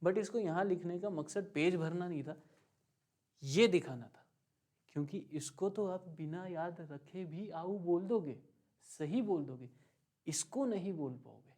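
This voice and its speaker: Slow, patient male German teacher. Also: sits high, a little mellow. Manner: slow, patient, drills words by repeating them; light joking asides. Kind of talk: online language lesson.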